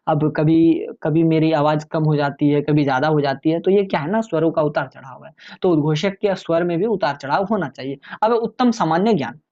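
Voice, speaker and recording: A man explaining exam topics in a relaxed, conversational lecture, addressing viewers as friends. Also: a little high, highs cut off. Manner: chatty, many fillers and restarts. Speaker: exam tutor.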